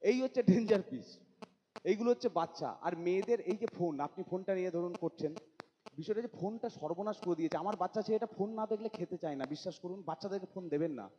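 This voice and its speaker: A man doing stand-up comedy on a stage, telling quick joking stories and acting out the voices in them. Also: sits high, dark tone, lo-fi sound, slight background noise. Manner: fast joking storytelling, acts out quoted voices. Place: stage at a local fair show.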